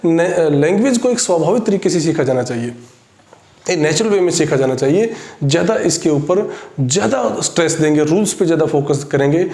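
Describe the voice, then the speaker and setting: Male teacher, fairly high voice, exam-prep lecture, slow English phrases, Hindi repeats, echoey room. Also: expressive, darkish tone. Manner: explains each point, then repeats it in Hindi; slows right down for English phrases.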